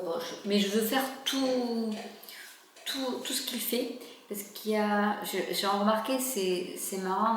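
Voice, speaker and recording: A middle-aged woman chatting casually in a vlog, hesitant and rambling, with many fillers and restarts. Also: mid-range voice. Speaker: vlogger. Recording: very echoey room, faint background noise.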